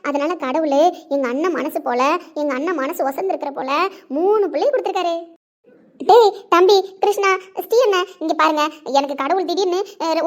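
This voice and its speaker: A joyful, weepy young mother-to-be, acted by a woman pours out her words at a fast clip. Her voice sits very high. She talks rapidly, half laughing through tears, in a homemade drama. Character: emotional young pregnant woman expecting triplets. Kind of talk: home video drama acting.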